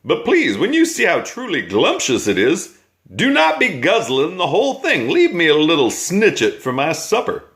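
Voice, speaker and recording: A man's voice: fairly high pitch, wildly swooping pitch, moderate pace, a bit bright, voice pushed up, exaggerated voice. A man reading aloud and voicing a kindly, sly male giant in a raised, sing-song voice. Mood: cheerful coaxing.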